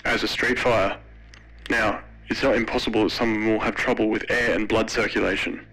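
A clipped male shore commander crackles over a radio link, put on by a male narrator. His voice is bright and edgy and barely moves in pitch, delivered in a flat, matter-of-fact way. It stays low-pitched throughout. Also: brisk, faint music behind.

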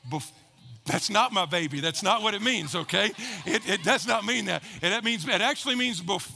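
A man's voice: high voice, normal speed, vocal fry, bright, forceful tone, faint music behind. A middle-aged male pastor preaching a sermon in a church, playful and joking with his congregation. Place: church sanctuary. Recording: long hall reverb.

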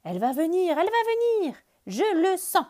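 A woman's voice: very high-pitched, very animated, moderate pace, a little mellow, voice pushed up. A woman doing a chirpy hopeful bird.

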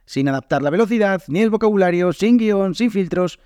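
A man's voice: high-pitched, expressive, brisk, a little mellow, clear, resonant tone, dry recording, studio quality. A man from Spain with a Spain Spanish accent, hosting a podcast lesson in a chatty way and acting out example phrases. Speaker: podcast host and Spanish teacher.

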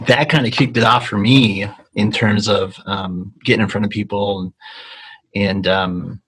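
Guest: low-pitched man, husky voice, hesitant and restarting, casual interview talk. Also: fairly even intonation, fairly bright tone, low-quality recording. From Argentina. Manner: halting, many ums and restarts. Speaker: guest, consulting company founder.

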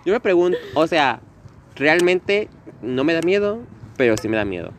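A man with a Mexican accent co-hosting a podcast in casual chat, dramatic and quick to laugh. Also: fairly high pitch, a little hiss or hum. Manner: animated, dramatic, acts out quoted voices, laughs often. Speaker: podcast co-host.

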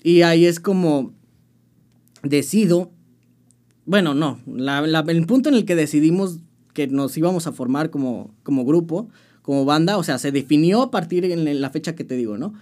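A man's voice: on the high side, normal speed, a little mellow. A young man with a Mexican accent, chatting casually in an interview and telling his story with slang and frequent restarts. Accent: Mexican Spanish. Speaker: musician guest.

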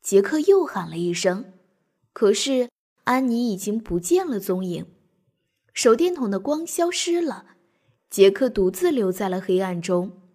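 A young woman narrating a bedtime story for children in a gentle, expressive way. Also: medium pitch, measured pace.

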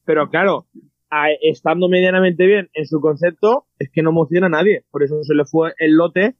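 A man's voice: a little high, no echo. A man, co-hosting a podcast in casual chat, rambling and full of restarts. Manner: excited, rambling with many restarts. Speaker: podcast co-host. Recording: dull lo-fi dry sound.

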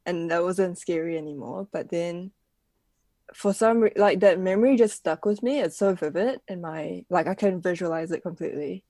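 A young Malaysian woman co-hosts a podcast, chatting casually at normal speed in a fairly low, mellow voice with no echo. She giggles a lot and peppers her speech with "like."

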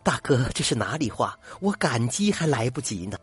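An older man voicing a gentle, grateful young woman in disguise, with soft, earnest speech, in a told folk tale. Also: a bass voice, big pitch swings, normal speed, husky, soft background music, exaggerated voice. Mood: teasing.

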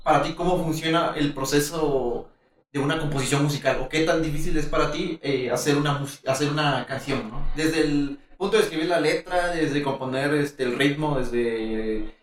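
A man's voice: fairly high pitch, steady tone, normal speed. A man hosting a casual podcast, hesitant and full of fillers as he frames questions. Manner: hesitant, many fillers while framing questions. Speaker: podcast host. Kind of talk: casual interview chat. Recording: very echoey room, far from mic.

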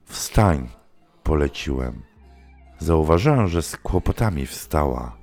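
A male narrator reads a first-person story in an extremely deep voice, taking his time over every phrase. His pitch rises and falls expressively, and soft music plays underneath. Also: lively intonation, slow, gravelly.

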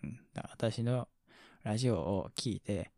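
A Kansai-accented man reads listener comments on his relaxed late-night sleep radio show, his fairly low voice soft, mumbly, slightly slurred, and touched with vocal fry. He chuckles quietly and drifts into near-whispers at a moderate pace, in a dry, studio-quality recording.

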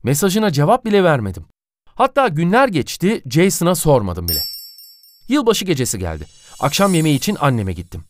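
A man narrating a scripted animated story in an expressive, dramatic manner. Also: fairly high pitch, fairly quick.

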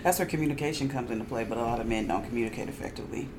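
Very low-voiced sarcastic woman. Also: very fast, background noise. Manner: sarcastic quips, acts out quotes. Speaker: podcast co-host. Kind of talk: casual chat.

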